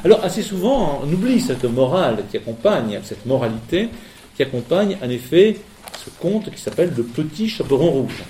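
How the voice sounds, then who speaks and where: A male teacher reading a fairy tale aloud with an expressive, animated delivery, then lecturing about it. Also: fairly high pitch, moderate pace, roomy sound, a little hiss or hum.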